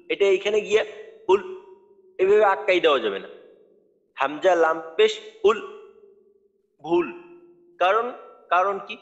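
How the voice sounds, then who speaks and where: A man's voice: a little high, fairly bright tone, in a large hall, muffled recording. Patient man teaching Quran recitation. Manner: patient, demonstrates sounds by repeating syllables slowly. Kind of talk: online tajweed lesson.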